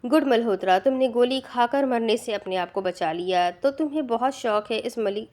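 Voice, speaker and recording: This is a cold, merciless young man issuing threats in a storybook reading, voiced by a woman narrator. He speaks with harsh contempt and clipped commands. The voice sits somewhat high. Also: darkish tone, lightly acted. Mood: contemptuous. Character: ruthless young male avenger, cold and threatening.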